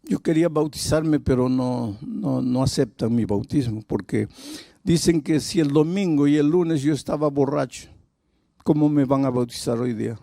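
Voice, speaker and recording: A man's voice: mid-range voice, moderate pace, vocal fry, mellow, dry recording, clean studio sound, close to an everyday voice. A male pastor speaking in the first person as a remorseful former drunk man confessing his past. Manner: confessional, heavy with guilt.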